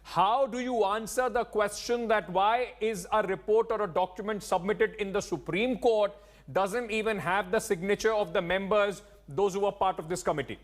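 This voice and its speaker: An Indian man with a notably high voice moderates a live news debate. He questions insistently, interrupts and presses for answers in the manner of a TV anchor. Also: normal speed.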